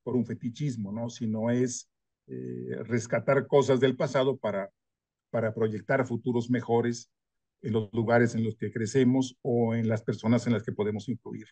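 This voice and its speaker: Older male historian, thoughtful interview guest, mid pitch, dry recording. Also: normal speed, dark tone, no room sound. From northern Mexico. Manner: thoughtful, frequent tag questions, light self-deprecating humor. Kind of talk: reflective interview answer.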